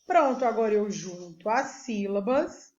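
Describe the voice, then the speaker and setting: A woman teacher giving a recorded literacy lesson, slowly spelling words out syllable by syllable. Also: mid-range voice, expressive, a little mellow. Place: remote classroom video recording. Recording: echoey room, dull lo-fi sound.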